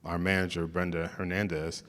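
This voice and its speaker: A man's voice: low-pitched, flat delivery, moderate pace, fairly bright tone, long reverb tail. A man giving an informal storytelling talk as a visiting artist, often restarting and saying "like". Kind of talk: storytelling lecture to an audience.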